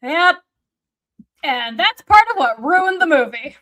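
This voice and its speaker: A woman's voice: sits high, lively intonation, slow, pushed and bright. A woman co-hosting a casual spoiler discussion of a movie, explaining plot points at length and chiming in with short agreement. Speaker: stream co-host.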